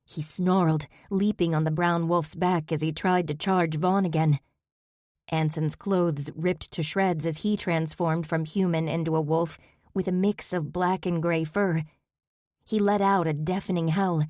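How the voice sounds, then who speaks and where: Low-voiced woman reading an audiobook. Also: steady tone, measured pace, a little mellow, dry recording, studio quality. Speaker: audiobook narrator. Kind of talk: first-person audiobook narration.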